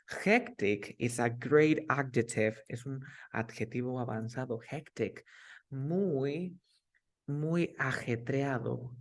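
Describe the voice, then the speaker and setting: A man teaching an online English class over a video call, explaining slowly and repeating key words. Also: medium pitch.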